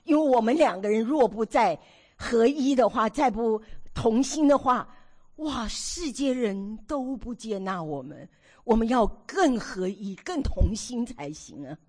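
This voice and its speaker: An older woman in her sixties preaches to a gathering of women. Her voice sits fairly high, and it leaps up and down as she tells stories from her own life. She acts out scenes as she speaks. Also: measured pace, breathy edge. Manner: animated storytelling, acts out her own past nagging. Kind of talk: sermon to a women's meeting.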